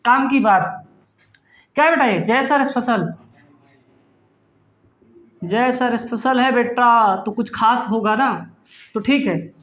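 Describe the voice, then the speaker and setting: A man's voice: very high voice, a bit bright, roomy sound. A male chemistry teacher giving an online class, playful and teasing, calling his students "beta" and answering his own questions. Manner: calls students "beta" affectionately.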